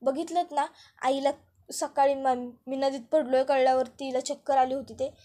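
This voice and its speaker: Lady doing a jittery playful young dude, high voice. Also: steady tone, normal speed, dark tone, close to an everyday voice. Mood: excited. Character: young man, jumpy and playful, in scary makeup.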